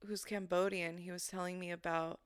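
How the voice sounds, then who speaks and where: A woman's voice: fairly low pitch, flat delivery, fairly quick, clean tone, no room sound, studio quality. A young woman co-hosting a podcast, cracking profane jokes and telling stories in a casual way. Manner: wisecracking, jokey and profane. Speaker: podcast co-host. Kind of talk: casual chat.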